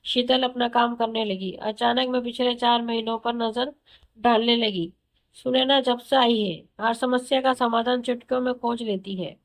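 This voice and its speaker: A woman narrates a first-person audio story in a calm, conversational way. Her voice sits somewhat high, and she keeps an even storytelling manner throughout. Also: normal speed.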